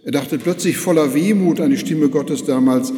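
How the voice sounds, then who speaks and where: Older male pastor, unhurried expressive storyteller, mellow tone, big church reverb. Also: fairly high pitch. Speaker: retired pastor. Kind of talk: sermon retelling a Bible story. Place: large church. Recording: echoey church hall.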